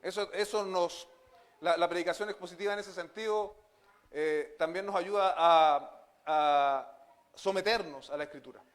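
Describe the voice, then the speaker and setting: Male pastor, high-pitched, earnest sermon delivery full of amens. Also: normal speed. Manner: earnest, with frequent fillers and repeated amens. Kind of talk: expository sermon.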